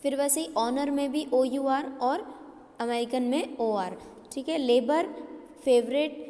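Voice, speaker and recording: A woman's voice: sits high, mellow, long reverb tail. A woman English teacher giving a classroom lecture, checking understanding with frequent tag questions and spelling words out letter by letter.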